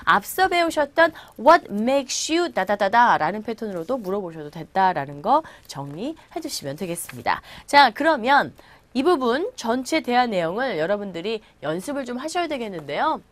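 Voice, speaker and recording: A woman teaching an English lesson in Korean, explaining phrases and reading English examples slowly. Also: on the high side, very animated. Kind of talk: recorded language lecture.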